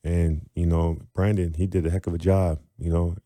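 Male teacher-author guest, animated explainer, low warm voice, dry close sound. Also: moderate pace, no room sound. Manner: animated, demonstrates sounds aloud.

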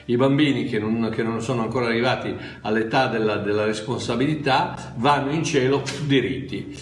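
A man's voice: mid-range voice, a little fast, roomy sound. A man preaching and teaching from the Bible in a conversational way, with frequent restarts and asides.

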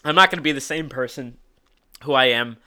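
A young man hosting his own podcast, chatting casually with lots of fillers and restarts, hoarse from a cold. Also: medium pitch, a little fast, pushed and bright. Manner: rambling, full of fillers and restarts. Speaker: podcast host. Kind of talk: casual solo podcast talk.

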